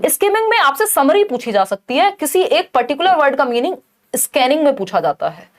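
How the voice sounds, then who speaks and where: A woman teacher runs through an exam-prep lesson at a rapid clip. Her voice sits a little high, and she keeps checking in with her listeners through short rhetorical questions. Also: big pitch swings. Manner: explains with rhetorical questions and Hindi-English mix.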